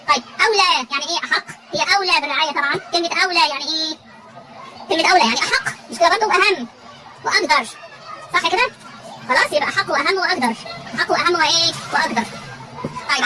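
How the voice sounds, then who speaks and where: A woman teacher with an Egyptian Arabic accent runs a classroom vocabulary drill, repeating every question so the students answer back. Her voice is high and her pace is very fast. A loud crowd and steady noise fill the background. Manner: repetitive call-and-response questioning.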